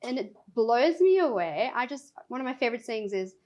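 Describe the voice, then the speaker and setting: A woman's voice: on the high side, lively intonation, brisk, dull audio. A woman, a regional sales director, chatting as a guest in an interview, emphatic and enthusiastic. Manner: emphatic, enthusiastic, laughs easily. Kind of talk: casual interview chat.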